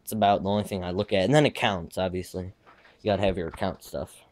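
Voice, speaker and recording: A man's voice: low-pitched, fairly even intonation, quick pace. Lispy teenage boy rambling casually. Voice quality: slightly lispy from a retainer. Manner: offhand, wandering, self-correcting asides. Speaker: YouTuber showing his gaming setup. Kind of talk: casual rambling room tour. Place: his bedroom, indoors.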